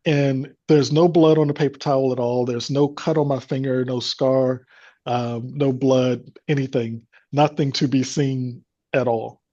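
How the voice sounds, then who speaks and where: A man's voice: mid-range voice, fairly even intonation, measured pace, warm tone, highs cut off. A man telling a personal faith story as a guest, in an earnest, devout manner. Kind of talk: personal testimony.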